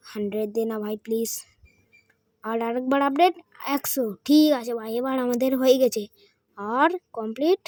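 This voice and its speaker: A woman doing excited gameplay commentary, dropping Hindi phrases in as she counts and clicks. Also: fairly high pitch, no echo, studio quality. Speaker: gaming channel host.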